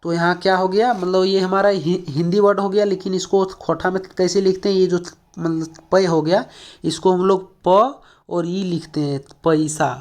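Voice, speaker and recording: A man's voice: sits high, flat delivery, normal speed, darkish tone. A man from Jharkhand teaching an exam-prep language lesson, explaining step by step with lots of fillers and repeated questions to the class. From Jharkhand, India.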